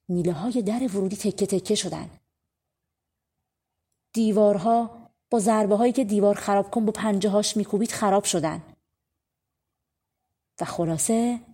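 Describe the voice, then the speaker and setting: A woman reading an audiobook of folk tales, narrating in a relaxed, conversational storytelling way. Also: medium pitch, slightly rough. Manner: conversational, spoken-style telling. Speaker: audiobook reader.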